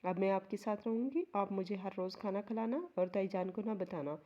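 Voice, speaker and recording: Innocent childlike young woman, trusting chatter, mellow voice, slightly dull recording, woman reading the part. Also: medium pitch, a little fast, natural voice.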